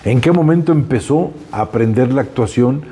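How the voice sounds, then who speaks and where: Mellow-voiced male interviewer. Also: mid-range voice, expressive, normal speed. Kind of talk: interview questions.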